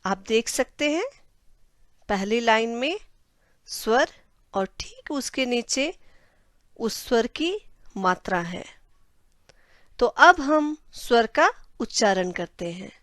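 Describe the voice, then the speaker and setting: A woman teaching children, sounding out each letter and word very slowly. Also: on the high side, expressive, fairly bright tone, no echo, clean studio sound. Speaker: Hindi teacher. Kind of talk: classroom lesson for children.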